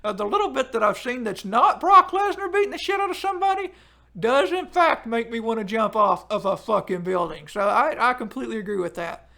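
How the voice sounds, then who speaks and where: A man doing a crude, excitable wrestling-obsessed loudmouth with a strikingly high voice that swoops up and down. He swears freely and bursts into sudden squeals of disbelief while chatting through a live stream. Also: a little fast, vocal fry, full character voice. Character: brash loud-mouthed male wrestling fan persona. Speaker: livestream host reading chat.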